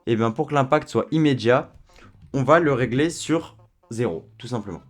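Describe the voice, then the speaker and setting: A man walking viewers through a software tutorial in a relaxed, chatty way, with frequent fillers. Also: medium pitch, moderate pace. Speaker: tutorial host. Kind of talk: screen-recorded software tutorial.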